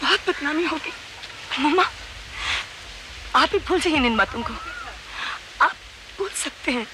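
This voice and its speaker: A pleading, anxious daughter. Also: female voice, sits high, expressive, measured pace. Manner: pleading, repeats "mamma", mixes in English phrases. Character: anxious married daughter pleading with her mother. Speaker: married daughter. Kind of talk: 1990s television drama acting. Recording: hissy old TV archive recording.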